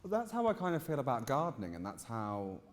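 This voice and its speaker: A man's voice: medium pitch, huge pitch swings, fast, a little hiss or hum. A British man in his mid twenties with a chatty, campy, gushing manner, telling personal stories casually as an interview guest. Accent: British English. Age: mid 20s. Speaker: interviewed guest, drag queen gardener. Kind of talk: casual personal storytelling on stage. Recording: reverberant hall, live event sound.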